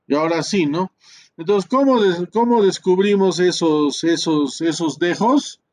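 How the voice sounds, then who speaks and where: At his computer, a networking instructor records a screen tutorial, thinking aloud, muttering to himself and checking in often with tag questions. His voice is a little high and a little mellow, and he speaks slowly with frequent pauses.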